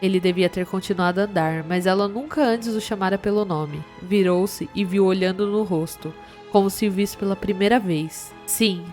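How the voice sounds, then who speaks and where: A woman reading an audiobook in a calm, even storytelling manner. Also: medium pitch, normal speed, soft background music. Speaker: narrator. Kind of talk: audiobook narration.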